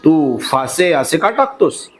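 A man voicing a dutiful, righteous young king who speaks in a measured, hesitant way. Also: on the high side, very animated. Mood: earnest, uneasy.

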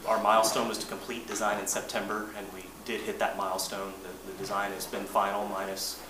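Briefing the board on technical matters in a boardroom, this engineering manager speaks with a somewhat low voice and completely flat delivery, measured and plain, frequently starting his phrases over. He is picked up from a distance in a roomy, echoing space with noticeable background noise.

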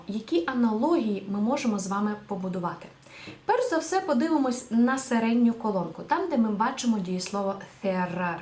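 A woman's voice: a little high, darkish tone, echoey room. A woman teaching a video language lesson, explaining patiently and asking rhetorical questions. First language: Ukrainian. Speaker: Spanish teacher.

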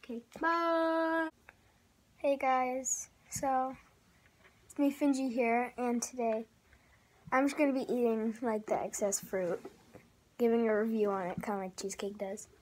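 A young woman chats through a casual homemade vlog without showing her face. Her voice sits a little high. She rambles with plenty of likes and ums, and a faint hiss runs underneath. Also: steady tone, normal speed, darkish tone. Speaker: vlogger. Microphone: off-camera voice, face not shown.

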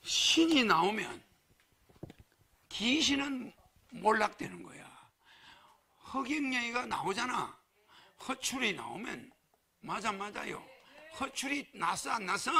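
A man's voice: extremely high pitch, lively intonation, slow, vocal fry, pauses often, pushed and bright, breathy edge. A man preaching to followers in a folksy way, chuckling and throwing rhetorical questions at them. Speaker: religious leader addressing followers. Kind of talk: sermon.

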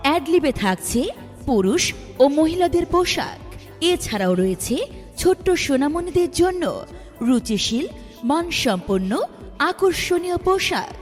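A woman announcing a street advertisement in a loud, drawn-out way, as if over a loudspeaker. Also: sits high, very animated. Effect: echoing loudspeaker-style announcement sound. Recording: long reverb with music underneath.

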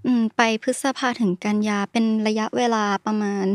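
A young woman hosting an interview show, giving brisk upbeat introductions and short questions. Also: mid-range voice, flat delivery, dry recording, studio quality. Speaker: host. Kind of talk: podcast hosting.

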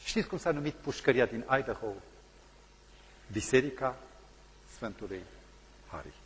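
Animated preacher man, husky, in a hall. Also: medium pitch. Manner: dramatic storytelling, acting out the people in his story. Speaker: pastor. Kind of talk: sermon.

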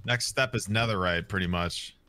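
A man's voice: fairly low pitch, moderate pace, bright, forceful tone, clear, resonant tone. A man making dry, wry remarks to friends during a multiplayer game chat. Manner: dry, wry commentary on others. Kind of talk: casual gaming chat with friends.

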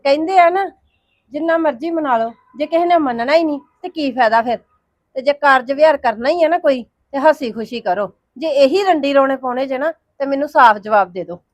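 An actress plays a wronged woman in a family drama, with a bitter, resigned delivery. Her voice is high-pitched, and the recording is close and dry. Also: dry recording. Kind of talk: Punjabi family drama acting.

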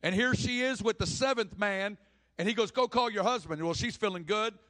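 A man preaches a sermon with fervor, his pushed, bright voice sitting high for a man. As he tells the story he acts out its people, swinging between speeches and quick asides.

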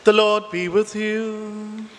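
Priest guy, high-ish voice, reads slow n careful, big cathedral echo all around. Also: little pitch movement, noisy background. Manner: slow, measured, with pauses between phrases. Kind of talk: liturgical reading and homily. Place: large church. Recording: long church reverb.

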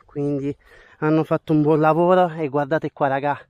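A man's voice: on the high side, fairly even intonation, normal speed, a little mellow, clean tone, highs cut off. A man, chatting enthusiastically to viewers in a casual countryside vlog, filmed outdoors and indoors on an action camera. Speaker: vlogger farming in the countryside. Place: outdoors on a farm plot and in a small rural room. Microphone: wide-angle action camera held or worn.

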